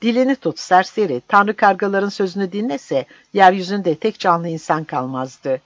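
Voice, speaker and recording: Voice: mid-range voice, big pitch swings, normal speed, dry recording, natural voice. Reader doing a grumpy proud old landowner, snappy and scornful, dull dry sound. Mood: furious.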